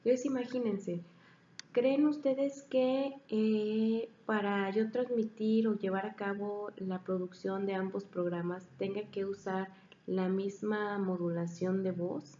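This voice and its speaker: Woman teacher, mellow, roomy. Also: mid-range voice, level tone, a little slow. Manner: explanatory, frequent checking questions. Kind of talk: classroom lecture. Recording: dull, roomy, faint hiss.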